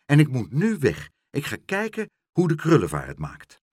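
A man doing an eager little boy, higher voice. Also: wildly swooping pitch, darkish tone, slightly rough, dry recording, studio quality, heavily acted. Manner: eager, quick questions.

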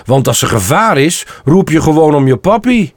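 A man's voice: fairly high pitch, big pitch swings, normal speed, no room sound, pitched above the performer's own voice. A man voicing a mocking young male deer bully in a storybook reading, sneering and taunting.

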